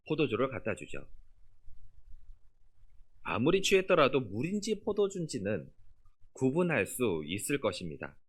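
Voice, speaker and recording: Lively-voiced male pastor preaching. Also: husky. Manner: preaching with lively rises and falls, dropping low on scripture endings. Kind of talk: sermon. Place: church sanctuary.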